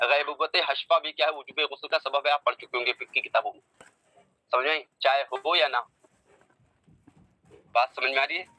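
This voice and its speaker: A man's voice: medium pitch, steady tone, a little fast, long pauses, pushed and bright, no echo, low-quality recording. A man teaching a religious text to a class, who keeps asking whether his students have understood and coaxes them to answer. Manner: keeps checking understanding with rhetorical questions; coaxing, prods students to answer. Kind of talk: classroom lecture on theology.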